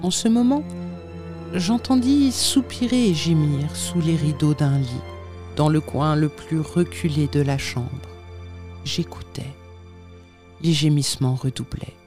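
A narrator reads a classic tale aloud in a measured, dramatic way. The voice sits at a middle pitch. Soft music plays faintly under the reading.

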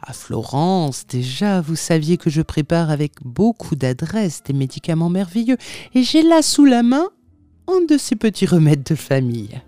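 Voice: mid-range voice, very animated, normal speed, warm tone, dry recording, close to an everyday voice. A reader voicing a sly, mocking male tempter who speaks with unctuous, overly polite irony in an audiobook reading. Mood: silky, mocking.

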